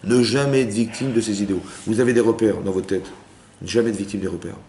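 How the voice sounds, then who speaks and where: Fast-talking rabbi in a roomy hall. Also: male voice, fairly low pitch, fairly even intonation, mellow. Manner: keeps asking the class if they understood; mixes Hebrew terms into his talk. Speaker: rabbi teaching a women's class. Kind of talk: spoken Torah lesson. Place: lecture room with listeners. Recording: roomy room with faint background noise.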